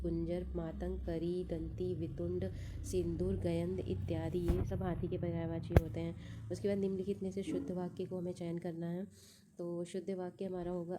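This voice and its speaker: Woman, exam prep teacher, flat delivery, faint background hiss. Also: lowish voice. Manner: methodical, repeats answers, thinks aloud with fillers. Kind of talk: going over test answers.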